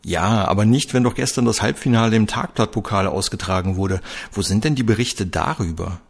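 A man's voice: fairly low pitch, fairly quick, creaky, slightly rough. A man voicing an impatient young male footballer and amateur sleuth in a crime story read-aloud, indignant in tone.

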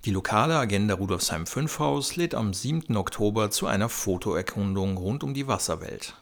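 A man's voice: lowish voice, expressive, moderate pace, vocal fry. A man with an Austrian accent giving scripted narration and local announcements. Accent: Austrian German.

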